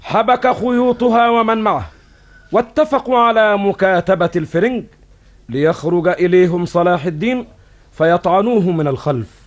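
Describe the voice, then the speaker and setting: High-voiced man acting as an cafe storyteller. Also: normal speed, natural voice. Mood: declamatory storytelling. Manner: declamatory, formulaic addresses to listeners. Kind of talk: Arabic cafe storyteller narration in formal classical Arabic.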